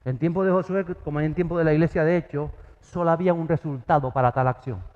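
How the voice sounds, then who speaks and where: A man preaching a sermon as pastor, acting out biblical dialogue with sudden jumps in pitch. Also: fairly even intonation, fast. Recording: dull sound, long church reverb.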